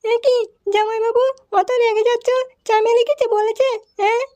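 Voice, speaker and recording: Cartoon woman, voiced by a woman, very high voice, sharp-tongued, questioning, demanding. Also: little pitch movement. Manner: scolding, rapid questioning. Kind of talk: cartoon voice acting.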